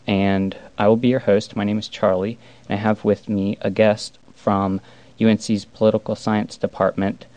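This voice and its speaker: A man hosting a college radio show in a studio, announcing and chatting with a guest in a relaxed, slightly halting way. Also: lowish voice. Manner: relaxed, conversational, a little halting. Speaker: radio host. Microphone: studio microphone.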